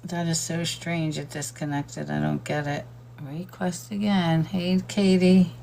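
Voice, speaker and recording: A woman's voice: sits low, fairly even intonation, a little slow, gravelly, mellow, a little hiss or hum. An older woman hosting a live stream, chatting casually, laughing often and greeting viewers by name. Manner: admits nervousness about reading aloud.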